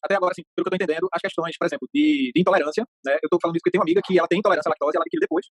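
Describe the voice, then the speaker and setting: A man's voice: on the high side, rapid-fire. A man asking his instructor a question in a class, speaking hesitantly and checking his understanding as he goes.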